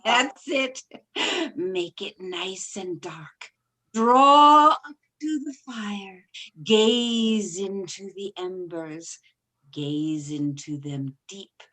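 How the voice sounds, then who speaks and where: A woman's voice: mid-range voice, bright, forceful tone. A woman playing a gleefully macabre 116-year-old witch, cackling and theatrical, telling horror tales in an old-time radio show. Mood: gleefully eerie. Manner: theatrical, drawn-out storytelling.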